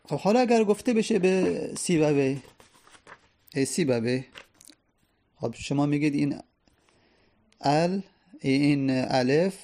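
A man's voice: a little high, lively intonation, pauses often, mellow. A man teaching a grammar lesson, explaining step by step and answering his own questions.

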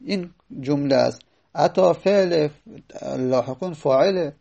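A man's voice: fairly high pitch, vocal fry, mellow, lo-fi sound. A man giving a patient grammar lesson, repeating phrases and quoting Arabic verse as he explains them. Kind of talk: classroom lecture explaining grammar.

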